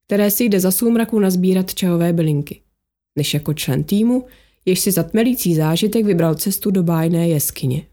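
A woman narrating an audiobook in a steady, measured storytelling manner. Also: lowish voice.

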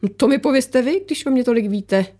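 A woman's voice: medium pitch, mellow, lightly acted. A woman voicing a tense, guarded war photographer who snaps back defensively. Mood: defiant. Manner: defensive, snapping, agitated.

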